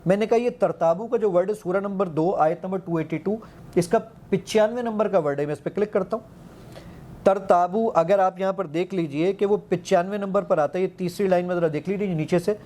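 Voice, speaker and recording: Eager man demoing his app, mellow voice. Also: high voice. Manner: eager, quotes himself giving commands, counts aloud. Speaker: app founder demonstrating his app. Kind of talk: animated demonstration in an interview.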